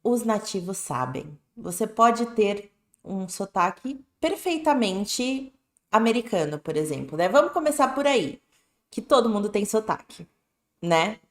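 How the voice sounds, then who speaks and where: Speaking at medium pitch, this woman is very animated but a little slow as she runs a casual, direct English lesson on a live stream, frequently asking "né?" and "tá bom?". She has a Brazilian Portuguese accent, and the room echoes.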